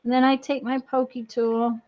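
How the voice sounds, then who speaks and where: Female craft tutorial host, slightly high voice, folksy and apologetic, heavy echo, muffled lo-fi audio. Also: flat delivery, normal speed. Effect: strong distracting echo on the voice. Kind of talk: casual live craft demonstration. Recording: dull lo-fi sound with bad echo.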